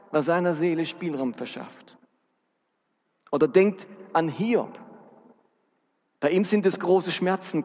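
A man's voice: sits high, a little mellow. A man preaching a sermon, earnest and speaking directly to his congregation. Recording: dull recording with long hall reverb.

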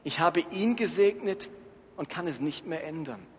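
A man's voice: fairly high pitch, lively intonation, moderate pace, a little hiss or hum, close to an everyday voice. A man voicing a shaken old father, reading his startled, dismayed lines in an echoey hall. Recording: echoey hall, faint ambience.

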